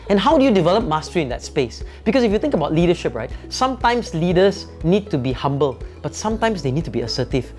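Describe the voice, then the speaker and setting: A man with a fairly high, darkish voice, a company founder, gives an emphatic motivational talk on leadership. He often adds "right?" tag questions.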